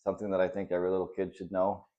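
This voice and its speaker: A man reading the part of a kind, patient father who talks softly and reassuringly to his son in a children's story. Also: deep voice, monotone, rapid-fire, narrow, tinny audio, lightly acted. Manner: soft and reassuring.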